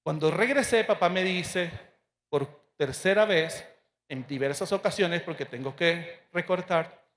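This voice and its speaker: A priest in his forties telling a personal testimony to an audience, earnest and emotional, with dramatic pauses. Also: on the high side, fairly bright tone.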